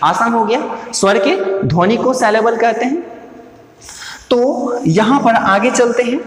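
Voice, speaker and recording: A man teaching a grammar lesson, posing questions to his students, answering them himself and repeating key words slowly. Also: very high-pitched. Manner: calls listeners "dear" and "my brother". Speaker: English teacher. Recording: echoey room with long reverb.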